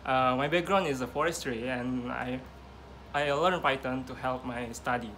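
A man's voice: medium pitch, a little slow, a bit bright, slight background noise. A man from Indonesia, a student, giving a brief and polite self-introduction.

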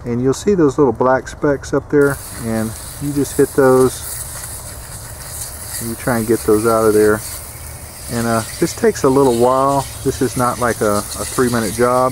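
A man's voice: mid-range voice, fairly even intonation, normal speed, slight background noise. Folksy man showing a repair. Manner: folksy, plain-spoken, repeats warnings. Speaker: DIY home repair instructor. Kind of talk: casual how-to demonstration. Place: outdoors beside an air conditioner unit.

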